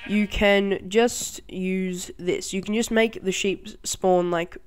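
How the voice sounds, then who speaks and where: Casual game-tutorial host, excitable, laughs and exclaims easily, rambling and chatty delivery. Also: mid-range voice, slow. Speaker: channel host.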